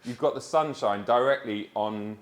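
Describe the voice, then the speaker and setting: A man's voice: medium pitch, normal speed. A man chatting enthusiastically as a vlogger while collecting his new car at a dealership. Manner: enthusiastic, chatty, says "mate". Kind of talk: casual chat.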